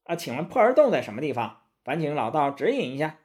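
A man voicing a cocky, quick-witted male monkey king in a storybook tale, brash and self-assured. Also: fairly high pitch, big pitch swings, darkish tone. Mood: eager.

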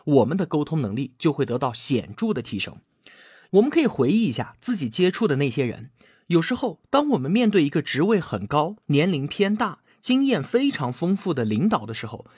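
A man's voice: on the high side, breathy edge, no echo, clean studio sound. A man narrating a scripted book explanation, often drawing out filler particles and acting out quoted lines. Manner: frequent drawn-out filler particles.

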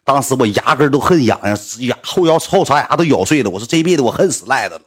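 A man with a Northeastern Mandarin accent telling a slangy, animated story to a livestream audience, swearing freely. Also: mid-range voice, fast talker, breathy edge. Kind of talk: casual anecdote telling.

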